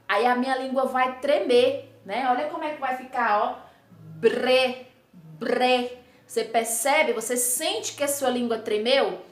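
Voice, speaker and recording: A Brazilian woman teacher giving a recorded phonics lesson to young pupils, slowly sounding out syllables and checking in with frequent tag questions. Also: high-pitched, fairly bright tone. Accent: Brazilian Portuguese. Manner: slow, patient, spelling sounds out with many tag questions. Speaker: primary school teacher. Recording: echoey room recording.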